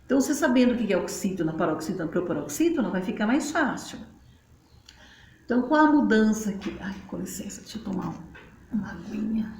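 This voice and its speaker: A woman's voice: mid-range voice, lively intonation, a little fast, darkish tone. A woman teacher, patiently explaining at a board and spelling out syllables in a chatty way. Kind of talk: casual classroom explanation. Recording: roomy, faint background noise.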